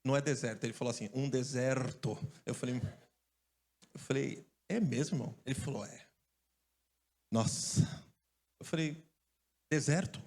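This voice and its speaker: A male pastor from Brazil preaching a lively sermon, joking and calling out to his congregation. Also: medium pitch, a little fast, creaky, pauses often. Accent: Brazilian Portuguese. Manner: lively, joking storyteller who calls out to the congregation. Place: church stage.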